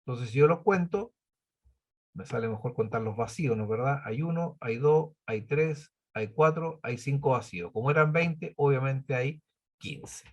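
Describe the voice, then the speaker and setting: A man's voice: medium pitch, lively intonation, moderate pace. A man teaching a spreadsheet lesson, patiently explaining formulas step by step and counting items aloud. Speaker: computing teacher.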